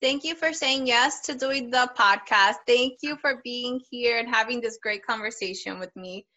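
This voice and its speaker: A woman podcast host with a bright, somewhat high voice, talking casually. She is warmly effusive and heaps praise on her guest. She speaks as a pediatrician would with a fellow physician. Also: moderate pace, low-quality recording.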